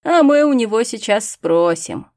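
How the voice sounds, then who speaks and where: Woman reading as a cocky excited young mage. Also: on the high side, a little slow, no room sound, clean studio sound. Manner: eager, raised, mocking delivery.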